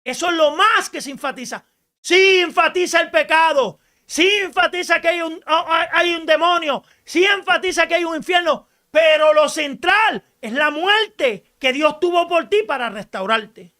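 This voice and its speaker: A woman preaching a radio sermon in an emphatic style, rising to shouts and asking rhetorical questions. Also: extremely high pitch, unhurried.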